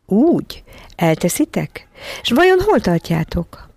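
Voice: mid-range voice, very animated, gravelly, a little mellow, breathy edge, no room sound, voice pushed up, heavily acted. A narrator voicing a tiny, ancient, nosy old woman in an audiobook, with a sly, fussy, half-whispered manner. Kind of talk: audiobook character voice.

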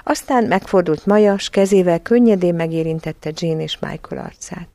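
A woman reading a children's audiobook as narrator, in calm, even storytelling. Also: fairly low pitch, no echo.

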